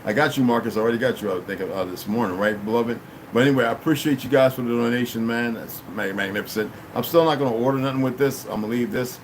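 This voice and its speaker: A medium-pitched man talks quickly on a low-quality recording, hosting a livestream from a room in his home. He rambles casually, thanks his donors, and often throws in "you know what I mean," over the steady hum of an air conditioner.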